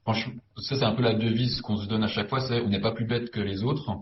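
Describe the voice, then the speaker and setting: A man interviewed as a property investor, explaining his choices in a measured, reflective way. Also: on the low side, steady tone. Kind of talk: interview conversation. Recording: distant, dull, faint hiss.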